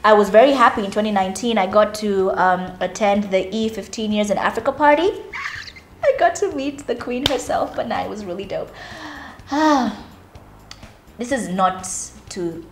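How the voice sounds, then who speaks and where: A woman's voice: mid-range voice, very animated, normal speed. A woman in her thirties talking candidly to camera about her career, chatty and at times close to tears. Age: 30s. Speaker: media personality and vlogger. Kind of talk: emotional reflective talk to camera. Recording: roomy echo with faint music.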